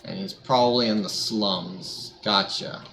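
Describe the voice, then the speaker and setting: A man's voice: lowish voice, a little slow, fairly bright tone, slight background noise. Guy streaming a game, casual sarcastic joking commentary. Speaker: streamer playing a video game.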